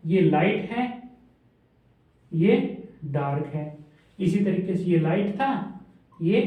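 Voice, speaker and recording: Standing at the board, a man teaches shorthand in a high, mellow voice, repeating points and checking on his students' understanding. Captured by a camera mic from across the classroom, he sounds far away amid strong echo.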